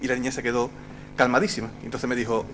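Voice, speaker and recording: A film director giving a tribute speech at a gala, chatting through stories and acting out the quotes. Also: male voice, mid-range voice, level tone, fast, fairly bright tone, a little hiss or hum. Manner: chatty storyteller who acts out the quotes.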